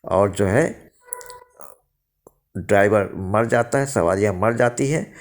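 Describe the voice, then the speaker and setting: Male storyteller, low-pitched, meandering first-person ghost tale full of fillers. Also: slow pace. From India. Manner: rambling, with many fillers and restarts.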